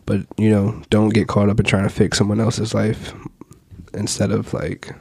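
A man's voice: fairly low pitch, level tone, normal speed, vocal fry, darkish tone, slightly rough, no room sound, clean studio sound. A young man hosting a casual podcast chat, laid-back and laughing often. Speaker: podcast host.

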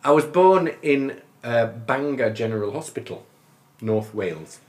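A man in his fifties from northern England, a musician chatting as a guest in a relaxed, rambling, good-humoured way, often laughing as he talks. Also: medium pitch, measured pace. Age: 50s. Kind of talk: casual interview chat.

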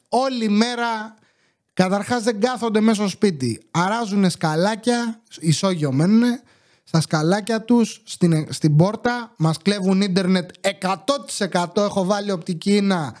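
A man with a fairly high voice talks in a loose, chatty monologue. He jokes and grumbles with mock exasperation as he tells stories about his neighbours. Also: darkish tone. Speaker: podcast host. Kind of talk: casual storytelling monologue.

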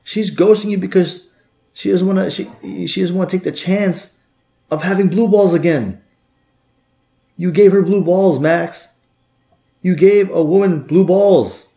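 A man's voice: high voice, a little slow, pauses often, dark tone. A man hosting a dating podcast, giving blunt, harsh advice in a scolding monologue full of stammered repeats. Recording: echoey room.

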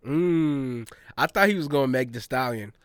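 A man's voice: mid-range voice, animated, measured pace, clear, resonant tone, no echo, studio quality. A laid-back man co-hosting a casual podcast, asking questions and laughing easily. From American South. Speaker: podcast co-host.

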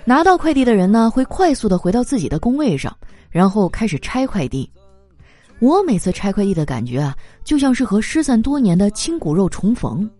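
A woman telling comic stories in a lively, animated way, laughing through her punchlines. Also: medium pitch, brisk, no echo. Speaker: comedy monologue performer. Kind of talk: stand-up style comic storytelling.

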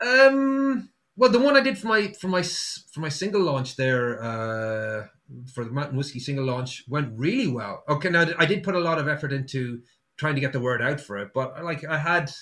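A man's voice: fairly high pitch, animated, moderate pace, fairly bright tone. A man with a west of Ireland accent from Sligo, chatting casually and telling anecdotes as an interviewed musician.

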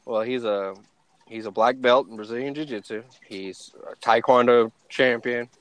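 This young podcast host speaks at medium pitch and a moderate pace on a dry recording, animatedly telling fight stories on his casual show while swearing freely and laughing often.

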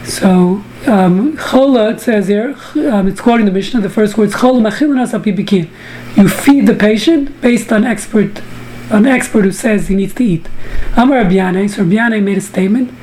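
An American woman leads a Talmud study class over a video call, joking and trading banter with the participants. Her medium-pitched voice is brisk and mellow, and the low-quality recording carries a faint hiss or hum.

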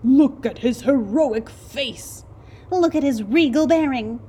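A woman voicing a crowd of disgusted, sarcastic naked mole rats in a storybook reading, shrill and scornful. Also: takes it slowly, dark tone, husky, exaggerated voice.

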